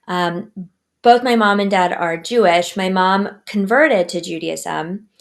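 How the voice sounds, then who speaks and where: A woman author answering interview questions in an earnest, measured way, pausing and restarting her phrases. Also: lowish voice. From United States. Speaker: author guest.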